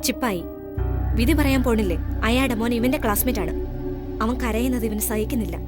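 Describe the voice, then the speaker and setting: A woman dubbing an outspoken young aunt in a film, who defends a boy with quick, scolding talk. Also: on the high side, lightly acted. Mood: pleading. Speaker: dubbing actor. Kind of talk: film dub. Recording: film soundtrack with clear music.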